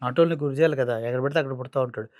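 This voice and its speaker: A man's voice: mid-range voice, racing, darkish tone, no echo, clean studio sound. A man with a Coastal Andhra Telugu accent giving mocking, sarcastic political commentary. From Andhra Pradesh.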